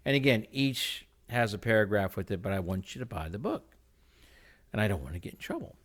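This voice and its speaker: A man, a music teacher by trade, hosts a motivational leadership book talk from his home kitchen. He speaks into a computer microphone in an emphatic, folksy way, swinging from loud urging to quiet asides. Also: lowish voice, sing-song, a little fast.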